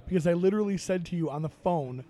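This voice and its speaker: A man's voice: high voice, fast talker, mellow. A man co-hosting a podcast, joking and teasing in casual banter. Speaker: podcast co-host.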